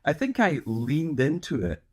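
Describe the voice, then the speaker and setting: A man with a light Scottish accent, softened by years in America, answering viewer questions in a rambling, digressive chat full of fillers and restarts. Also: a little high, wildly swooping pitch, measured pace, slightly rough. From Scotland. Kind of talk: casual chat.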